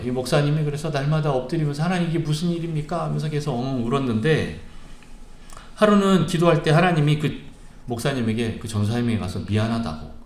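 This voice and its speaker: A male pastor delivers a sermon in a church sanctuary, his voice rising and falling with lively swings in pitch. He tells a story with plenty of "uh" pauses, and the room adds a noticeable echo. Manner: storytelling with frequent "uh" pauses and vivid retelling.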